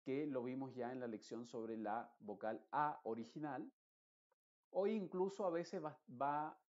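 Male teacher, patient explainer, mellow voice, muffled lo-fi recording. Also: mid-range voice, a little slow. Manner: explains patiently, stretches vowels, reads word lists aloud. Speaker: English pronunciation teacher. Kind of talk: recorded online lesson.

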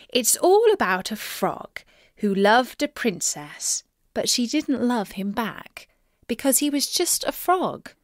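Expressive woman telling a slow fairy tale. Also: medium pitch, no room sound, clean studio sound. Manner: gentle, expressive storytelling. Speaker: storyteller. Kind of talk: children's story narration.

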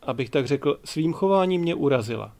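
A proud, easily offended cruise passenger, as a male narrator voices him. He sounds indignant and stiff, with a gravelly edge. Read for an audiobook. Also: fairly high pitch, lively intonation, darkish tone.

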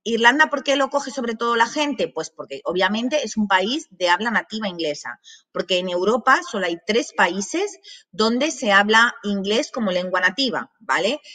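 A woman's voice: medium pitch, expressive, moderate pace, sharp tone. A woman giving an informal presentation on working abroad, talking in loose restarts and often checking in with her listeners. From Spain. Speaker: presenter of a work abroad programme masterclass.

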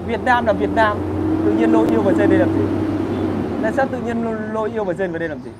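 A man's voice: high-pitched, quick pace, heavy background noise. A man, hosting a casual livestream where he rants crudely and combatively while answering comments.

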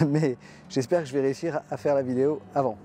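An older man hosts a camper van vlog outdoors beside a motorhome in a trade show car park, presenting and interviewing casually with many hesitations. His mid-range voice is steady and a little fast, picked up on a lapel mic against heavy background noise.

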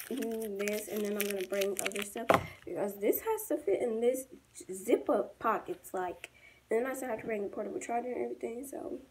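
Holding her phone at arm's length, a teenage girl chats casually for her vlog in a slangy, rambling way, first at home indoors and then outside. Her voice is fairly high, with background noise.

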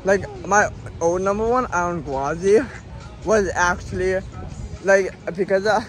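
Hoarse, high-voiced young American man. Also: a little slow, fairly bright tone, soft background music. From Pennsylvania, United States. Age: young adult, late teens. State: hoarse, voice lost from screaming. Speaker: vlogger. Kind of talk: casual vlog talk to camera. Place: outdoors in an amusement park. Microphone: phone at arm's length.

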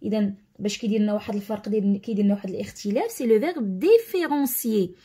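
A woman's voice: mid-range voice, animated, racing, mellow, breathy edge. A woman with a Moroccan accent explaining a French lesson to schoolchildren, mixing French terms into her Arabic and often checking that the class has understood. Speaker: teacher.

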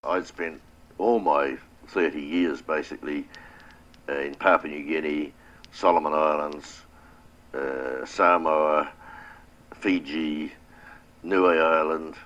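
A man's voice: very deep voice, fairly even intonation, slow pace, long pauses, fairly bright tone, dull audio. An older man with a New Zealand accent, telling his family's beekeeping history in a reflective, plain-spoken oral history interview. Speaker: retired beekeeper.

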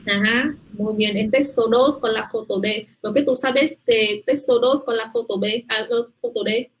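A woman's voice: on the high side, unhurried, a little hiss or hum, rough recording. A woman teaching a language class, patiently praising students and checking with them often. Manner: patient, repeats "muy bien" and "¿vale?" often. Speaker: Spanish teacher.

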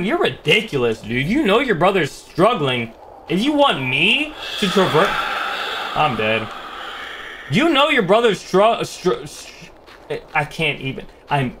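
A young man giving excitable, jumpy gameplay commentary on a horror game, yelling when scared. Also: high-pitched, a little hiss or hum. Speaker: gaming YouTuber.

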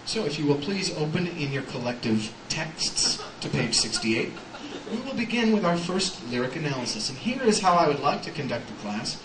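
A man's voice: fairly high pitch, very animated, moderate pace, background noise. A man playing a pompous lecturing professor. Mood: pedantic. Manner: pedantic, mock-scholarly. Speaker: comedian. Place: live club stage. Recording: echoey live club recording from far off, music.

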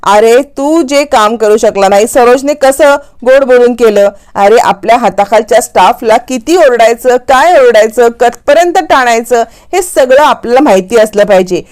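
A woman voicing a calm elderly family patriarch gently admonishing his son. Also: on the high side, normal speed, hardly any pauses, close to an everyday voice. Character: wise elderly father figure, calm and admonishing.

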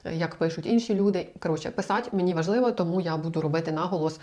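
A woman's voice: lowish voice, racing, dark tone. A young woman from Ukraine giving language-learning advice in a casual, chatty talk to the camera, explaining with examples and asides.

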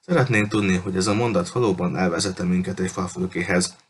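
A man's voice: low-pitched, little pitch movement, a little hiss or hum, close to an everyday voice. A man voicing an eager young boy. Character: excited young boy adventurer. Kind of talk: audiobook character voice.

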